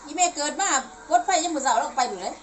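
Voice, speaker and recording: An older woman with an Isan accent, chatting casually and reminiscing in a rambling, halting way. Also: high voice. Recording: noisy home-style recording.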